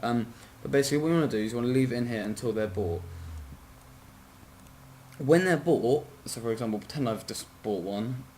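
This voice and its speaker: A man's voice: medium pitch, brisk, darkish tone, slight background noise. Sleepy, rambling young-sounding man explaining a game. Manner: rambling, apologetic, self-correcting, swears. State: sleepy, yawning. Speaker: game tutorial maker. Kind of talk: casual screen-recorded game tutorial.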